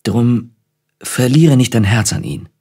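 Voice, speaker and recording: An earnest young nobleman gives his sister warm, protective advice, as a male storybook narrator reads him. The voice is husky and mid-pitched, close to the reader's own. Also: takes it slowly. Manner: earnest and advising.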